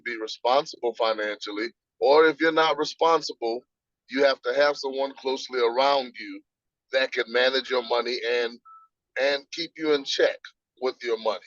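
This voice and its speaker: A man's voice: medium pitch, a bit bright, no echo, highs cut off. A man guest on a video call, quoting scripture and explaining points step by step in a teaching manner. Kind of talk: casual interview, teaching.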